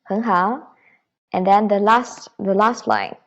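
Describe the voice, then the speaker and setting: Slow, patient woman teaching pronunciation. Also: mid-range voice, highs cut off. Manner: patient, repeats syllables for learners to echo. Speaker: Mandarin teacher. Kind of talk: online beginner language lesson.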